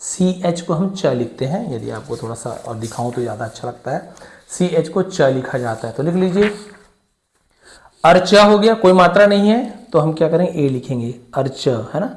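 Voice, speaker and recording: Male teacher, slightly high voice, slow and repetitive classroom delivery, roomy echo. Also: lively intonation. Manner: patient and repetitive, voices student questions himself. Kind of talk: classroom-style lesson. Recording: echoey room.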